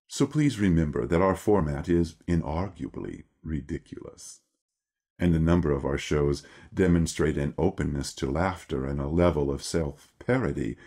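A video producer delivers a scripted monologue as Lucifer, a lofty, lecturing male devil figure, his voice electronically deepened into a gravelly growl. The warm male tone is heavily acted, and the delivery is formal, measured, and wryly lecturing.

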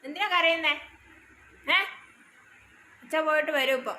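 Woman from kerala doing soft baby talk to her dog indoors, sharp bright tone. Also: sits high, normal speed, a little hiss or hum. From Kerala, India. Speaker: dog owner vlogger. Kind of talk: casual talk to a pet dog. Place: at home indoors.

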